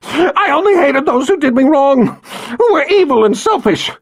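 A man voicing a vain, cruel woman queen who screams hysterically and pleads in a high voice. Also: big pitch swings, moderate pace, husky, exaggerated voice. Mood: pleading. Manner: hysterical, screaming, self-pitying.

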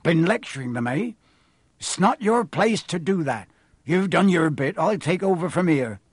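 A man's voice: fairly high pitch, animated, moderate pace, slightly rough, dry recording, clean studio sound, pitched above the performer's own voice. Storybook gamekeeper, acted by a male narrator: fierce, big-hearted, rustic dialect, growling delivery, no room sound. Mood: gruff, stern.

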